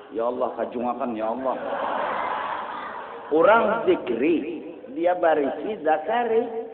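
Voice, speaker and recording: A man with a Banjar accent preaching a sermon, mixing Arabic quotations into local speech. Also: on the high side. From South Kalimantan, Indonesia. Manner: mixes Arabic quotes with local speech, chants call to prayer. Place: mosque prayer hall. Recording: echoey hall over a tinny, noisy line.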